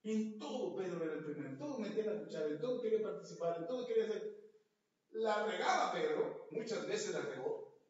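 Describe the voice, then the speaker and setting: Mexican man, pastor, high voice, sermon, dull muffled lo-fi audio. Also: a little fast. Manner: lively, joking storyteller who acts out scenes. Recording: very echoey, dull lo-fi podcast audio.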